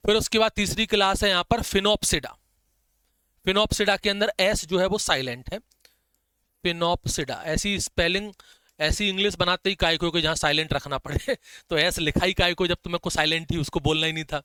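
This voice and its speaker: Bright, high-voiced man teaching. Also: steady tone, smooth, no room sound. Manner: repeats key terms slowly for dictation, chatty asides. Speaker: biology teacher. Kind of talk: Hindi-English exam-prep lecture, dictating notes.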